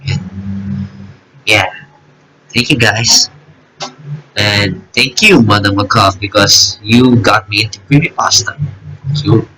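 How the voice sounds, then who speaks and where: A man's voice: lowish voice, slow, pauses often, pushed and bright, slight background noise, low-quality recording. A young man around twenty chatting alone to his camera, rambling and joking at his own expense, swearing freely. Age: 20s. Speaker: YouTuber reacting to videos. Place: alone in a room.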